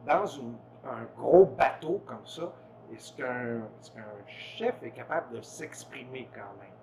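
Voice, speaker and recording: A man's voice: mid-range voice, animated, takes it slowly, gravelly, very noisy. A man hosting an interview, casual and conversational, steering with short questions. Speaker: interviewer, host. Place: production kitchen.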